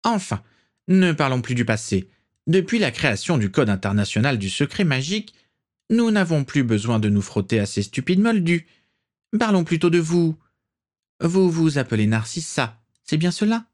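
A man puts on an old aristocratic witch who speaks from well above his own voice, imperious and condescending. Her lines swoop and rise with lively disdain in this audiobook reading. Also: on the high side, normal speed, voice pushed up. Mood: haughty.

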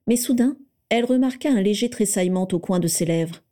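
Mellow woman reading a story aloud. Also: medium pitch, a little fast. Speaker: reader.

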